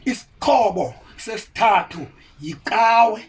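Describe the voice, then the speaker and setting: A man's voice: high-pitched, lively intonation, slow, a crowd in the background. A man with a Xhosa accent giving a didactic, oratorical talk to listeners, explaining point by point. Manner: didactic, rhetorical questions and explanations. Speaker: speaker, teacher. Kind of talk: impassioned oratory to responding listeners. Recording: distant mic.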